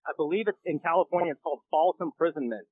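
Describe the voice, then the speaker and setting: A man's voice: fairly high pitch, fast talker, breathy edge, dry recording. Man calling in over a tinny speakerphone. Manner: earnest, explanatory, checks in with "okay?" and "all right?". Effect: phone on speaker. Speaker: caller. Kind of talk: call-in radio caller. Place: in a car while driving. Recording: tinny dry phone line.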